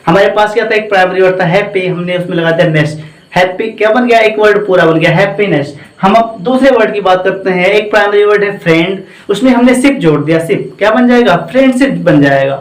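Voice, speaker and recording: A man's voice: sits high, fairly quick, reverberant, poor audio. A man with an Indian English accent teaching a grammar lesson, often repeating and quizzing the class with questions. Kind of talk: classroom lecture.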